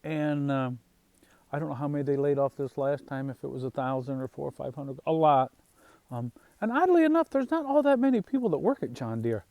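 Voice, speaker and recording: A man talking casually to his viewers about the harvest and farm life, in an unhurried, halting way with plenty of fillers and restarts. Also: a little high, lively intonation, a little mellow, no room sound. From Northwest Indiana, USA. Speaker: farm vlogger. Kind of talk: casual rambling monologue.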